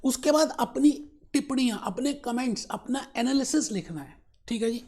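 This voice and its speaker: A man's voice: very high voice, animated, a little mellow. A man teaching a finance lecture, coaxing his students along and mixing in English terms. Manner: slows down for English definitions. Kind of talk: classroom lecture.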